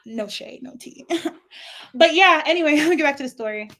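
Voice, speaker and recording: A young woman vlogger from the San Francisco Bay Area, with a faint Nigerian accent, tells a storytime vlog. She is chatty, animated and digressive, full of asides and swearing. Her voice sits high, at normal speed.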